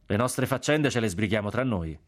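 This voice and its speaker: A man's voice: fairly low pitch, expressive, normal speed, voice pushed up, natural voice. A male reader voicing a hostile partisan officer, scornful and menacing. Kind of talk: audiobook character voice.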